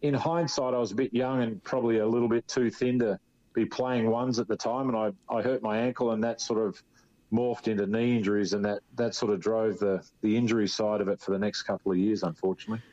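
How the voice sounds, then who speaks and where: A man's voice: lowish voice, steady tone, brisk, mellow. Australian man telling stories on a lo-fi recording. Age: 50s. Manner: rambling, with frequent restarts and "you know". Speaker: interview guest, former footballer. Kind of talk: relaxed storytelling.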